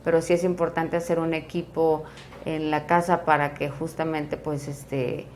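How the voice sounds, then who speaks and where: Low-voiced woman host. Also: level tone, normal speed, a little mellow, a little hiss or hum. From Mexico. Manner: chatty, acts out everyday scenes, many fillers. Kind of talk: interview talk.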